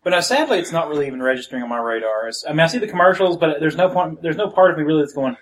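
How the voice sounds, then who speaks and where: High-voiced man in wry podcast banter. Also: animated, very fast, low-quality recording. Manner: wry, rambling, jokey. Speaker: podcast co-host. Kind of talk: casual chat.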